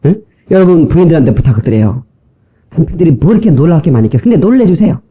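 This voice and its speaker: A man's voice: fairly high pitch, very animated, fast talker, highs cut off. A male pastor preaching a sermon in a church, joking with the congregation and mimicking people's voices.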